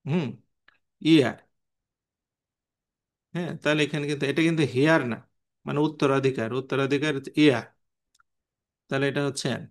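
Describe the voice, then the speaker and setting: A man's voice: medium pitch, fairly even intonation, fast talker, long pauses. A man teaching an online class, patiently explaining and quizzing students by name. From Bangladesh.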